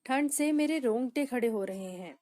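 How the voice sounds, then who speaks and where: A woman English teacher with a fairly high, mellow voice, delivering a lesson in a dry, close sound. She explains patiently and speaks each example sentence very slowly, then repeats it. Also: animated, no room sound.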